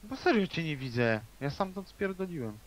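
A man's voice: a little high, big pitch swings, moderate pace, poor audio. A man chatting casually and crudely while playing a video game. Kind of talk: casual gaming chat.

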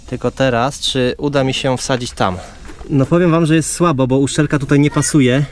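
A Polish father vlogs outdoors at a campsite next to a caravan, casually walking his viewers through each step in chatty how-to narration. His medium-pitched voice is steady and moderately paced, with slight background noise.

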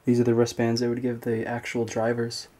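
A man exploring an abandoned speedway building, giving quiet, offhand commentary. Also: mid-range voice, a little fast. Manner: quiet, flat, offhand remarks. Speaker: urban explorer filming a walkthrough.

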